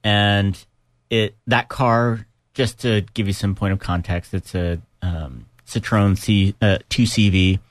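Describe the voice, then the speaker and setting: A man co-hosting a radio talk show, telling a story with pauses and fillers. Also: on the low side, steady tone, dry recording, studio quality. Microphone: studio microphone.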